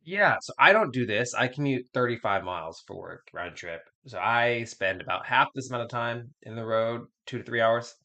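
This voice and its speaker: A man's voice: mid-range voice, expressive, normal speed, hardly any pauses, sharp tone. A man hosting a podcast, giving candid, blunt advice in a casual chatty way, often repeating words as he restarts. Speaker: podcast host.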